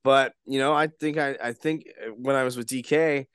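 A young man hosts a casual sports podcast, rambling along with plenty of restarts and fillers. His voice sits at an ordinary middle pitch. The sound is dry and close, with no room around it. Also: fairly even intonation, moderate pace, a bit bright, smooth, no echo. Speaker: podcast host.

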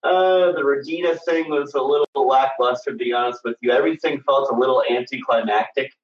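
A man's voice: mid-range voice, a little fast. A man co-hosting a fan discussion stream in casual chat, hesitant with many ums and restarts, sounding like he is down a well. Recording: echoey, distant, muffled remote audio.

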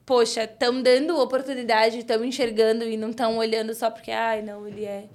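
Higher-voiced woman interviewing casually. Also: level tone, brisk. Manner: conversational, frequent "né?" tags.

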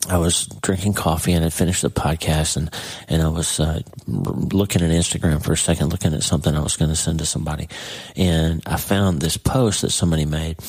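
A man's voice: very deep voice, creaky, darkish tone, husky. A middle-aged man hosting a personal faith podcast, talking earnestly and confidingly to his listener. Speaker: podcast host.

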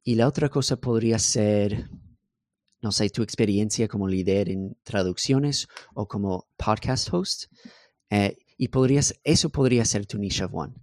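Halting man, second-language speaker. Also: lowish voice, a little mellow, dry recording, clean studio sound. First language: English. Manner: hesitant, many fillers, slips in English words. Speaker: podcast guest, software engineer. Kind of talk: casual interview conversation.

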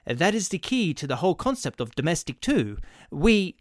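A man's voice: a little high, sing-song, moderate pace, no echo, clean studio sound, voice pushed up. A man doing a fawning, eager clerk. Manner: eager, pleading, hesitant.

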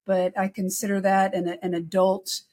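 A woman from Texas, a podcast guest, talking in a chatty storytelling way with quick asides. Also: medium pitch, flat delivery, mellow. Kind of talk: casual conversation.

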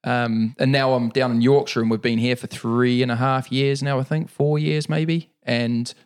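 A middle-aged man with a New Zealand accent, talking casually in an interview, relaxed and rambling with fillers and restarts. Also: mid-range voice, normal speed, smooth. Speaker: interviewee, para-cyclist.

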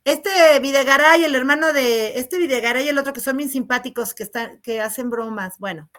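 A woman with a loud, resonant voice, telling stories as a guest in a casual interview with lots of quick asides. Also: high voice. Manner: animated, rapid storytelling full of "o sea" asides. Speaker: congresswoman guest.

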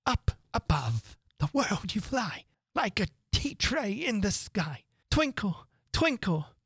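A woman voicing an excitable, mournful male hatter who rambles theatrically. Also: lowish voice, slightly rough, no room sound, clean studio sound, voice pushed up, full character voice. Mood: whimsical. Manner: theatrical, rapid swings from chatter to gloom.

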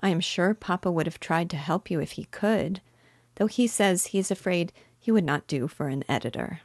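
A woman's voice: on the low side, moderate pace, a little mellow, no echo, studio quality. A woman voicing a small, earnest, well-mannered little girl in an audiobook, speaking politely. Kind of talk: audiobook character voice.

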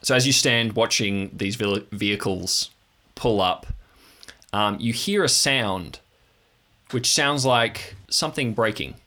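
A man improvising narration as a tabletop game master, halting as he searches for words. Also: on the low side, pushed and bright.

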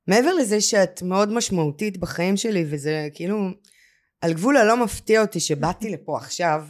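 A woman who coaches personal storytelling, talking as a podcast guest in an intense, heartfelt way and slowing down to stress her points. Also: on the low side, expressive. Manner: emphatic, slows down to stress words. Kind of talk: emotional podcast conversation.

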